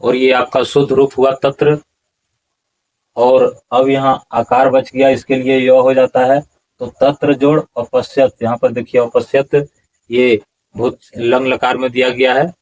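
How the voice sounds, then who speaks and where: A man teaching Sanskrit verse pronunciation in a slow, explanatory lesson, repeating words syllable by syllable. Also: mid-range voice, level tone, a little mellow, dull audio.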